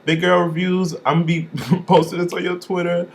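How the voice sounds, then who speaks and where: A young man from Chicago giving a casual, sassy vlog review, with swooping, expressive emphasis on his catchphrases. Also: high-pitched, a little fast. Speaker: vlogger reviewing drag contestants.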